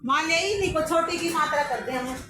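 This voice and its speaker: A woman's voice: very high-pitched, a little fast, very noisy. A woman schoolteacher teaching pupils in a classroom, calling on them, praising and correcting their answers. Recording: echoey classroom with music over it.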